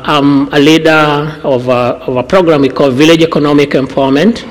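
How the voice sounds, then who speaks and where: A middle-aged man from Kenya, a guest pastor speaking in short phrases with "uh" pauses, stopping for an interpreter. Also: on the high side, steady tone. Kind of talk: church talk with interpreter. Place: church hall. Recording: long church hall reverb.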